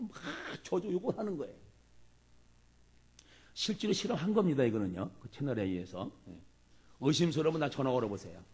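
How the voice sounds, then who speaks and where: A man preaching a sermon as a pastor, animated and acting out the people he quotes. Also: medium pitch, breathy edge. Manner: animated, acts out quoted speech.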